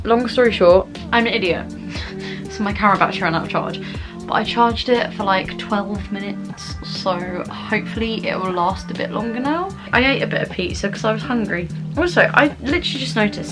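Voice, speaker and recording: A woman's voice: mid-range voice, a little fast, music in the background. A young adult woman with a southern English accent chats casually in a rambling, informal mukbang vlog. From England, Kent. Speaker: vlogger answering viewer questions.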